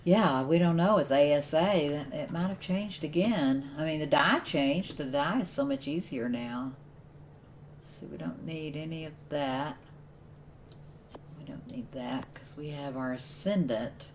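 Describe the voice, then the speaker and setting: Woman, low-pitched, casual gameplay commentary, thinking aloud, faint noise behind. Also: measured pace. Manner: thinks aloud while playing, with restarts and laughs. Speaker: streamer playing a survival game.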